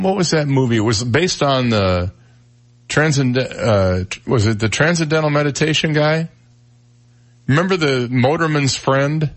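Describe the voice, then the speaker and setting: A man hosting a radio talk show, telling rambling self-deprecating stories. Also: on the low side. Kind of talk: casual chat on radio. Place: radio studio.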